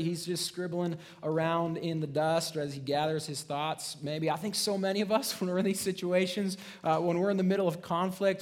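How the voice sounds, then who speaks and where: A man preaching a sermon as a pastor, talking casually with frequent "right?" tags and restarts, and acting out the voices of people in the story. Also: high-pitched.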